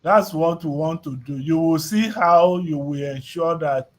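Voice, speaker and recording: Man, lecturer, slow halting delivery, somewhat high voice, calls on students. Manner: halting, questions students by name. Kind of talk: classroom teaching. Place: university classroom.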